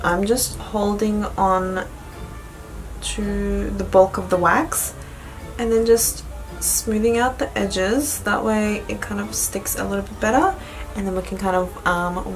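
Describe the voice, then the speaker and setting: A woman's voice: medium pitch, fairly even intonation, a little slow, soft background music, low-quality recording. A woman beauty vlogger chatting informally as she explains a makeup tutorial step by step. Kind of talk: casual instructional chat.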